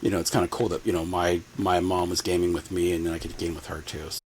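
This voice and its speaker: A man's voice: low voice, level tone, fast, slight background noise, poor audio. An older man chatting as a podcast guest, rambling with lots of fillers and restarts. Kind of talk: casual chat. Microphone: home mic set low.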